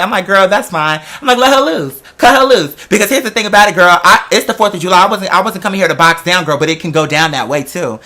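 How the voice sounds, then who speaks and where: In a high voice, an American man delivers a story as an animated, casual rant, confrontational and sassy, punctuated by emphatic slang and swear words.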